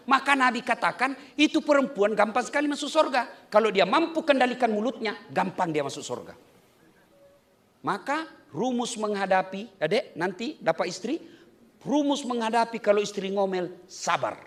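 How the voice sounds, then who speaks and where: A male preacher giving a joking, animated wedding sermon to a live audience, full of rhetorical questions. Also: high-pitched, a little fast. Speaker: Islamic preacher.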